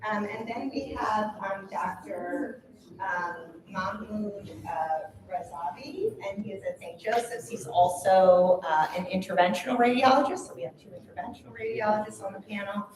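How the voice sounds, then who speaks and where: A woman's voice: medium pitch, moderate pace, background noise. A woman moderating a conference panel, introducing it with polite, formal courtesy and enthusiasm. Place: conference room with PA. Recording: echoey room, distant microphone.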